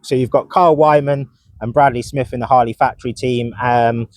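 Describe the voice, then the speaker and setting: At a motorcycle dealership event, a man co-hosts a podcast, chatting casually about motorcycle racing and reading from his notes. His medium-pitched voice is steady and slightly fast, captured in a dry recording.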